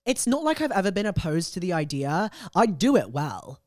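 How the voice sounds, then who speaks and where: A woman's voice: lowish voice, normal speed, dry recording, clean studio sound. A young woman hosting a casual, chatty show, gleefully gossiping and reacting emphatically, often repeating phrases for effect. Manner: gleefully gossipy, animated and opinionated. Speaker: show host.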